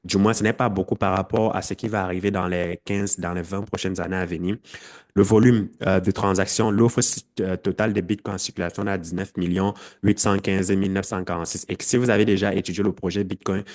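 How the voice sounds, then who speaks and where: A man's voice: low-pitched, steady tone, a little fast, darkish tone. A man explaining a screen-share tutorial to his viewers, with frequent fillers and self-corrections. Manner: talks straight to viewers. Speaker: crypto educator.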